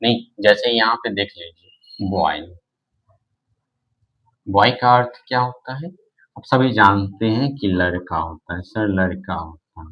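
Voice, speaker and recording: Man, English teacher, lowish voice, asks and answers his own questions, repetitive. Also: a little slow, long pauses, highs cut off. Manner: asks the class questions and answers them himself; repeats himself and restarts often, fillers like "nahin". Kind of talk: classroom-style lesson explaining English in Hindi.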